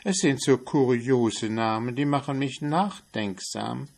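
A timid little female mouse from a storybook, her voice pitched well up and full of fretful wonder, as a male reader puts her on. She talks slowly, asking and worrying over every odd word. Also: vocal fry, darkish tone. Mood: puzzled. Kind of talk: fairy-tale reading.

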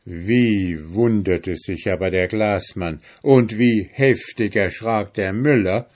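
Male fairy-tale narrator, low-pitched, unhurried, measured reading. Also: darkish tone. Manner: slow, measured storytelling.

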